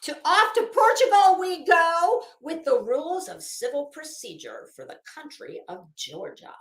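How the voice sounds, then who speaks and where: In an echoey room, a woman with a high voice and big, unhurried pitch swings hosts a livestream, chatting with viewers about a legal case. Her casual commentary is sarcastic, theatrical, exasperated and mocking.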